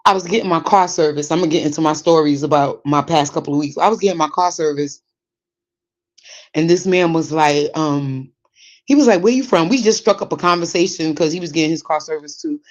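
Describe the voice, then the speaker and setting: A woman in her forties with a Brooklyn New York accent, hosting a podcast in casual chat, animated, laughing often and digressing. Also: deep voice, brisk, muffled recording. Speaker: podcast host. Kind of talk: casual chat reading listener comments.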